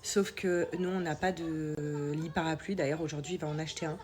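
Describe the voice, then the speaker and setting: A woman's voice: low voice, steady tone, brisk, a little mellow. A young woman vlogging casually as a mother, speaking informally and hesitantly, with a nasal, congested voice and a sore throat as she comes down with a cold. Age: young adult. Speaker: mother vlogging about family life. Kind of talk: casual chat to followers.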